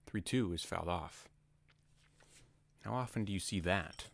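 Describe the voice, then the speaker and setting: Man, deep voice, home play-by-play, laid-back asides. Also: measured pace, creaky, no room sound. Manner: relaxed, chatty asides between calls. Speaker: play-by-play announcer. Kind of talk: casual solo baseball commentary.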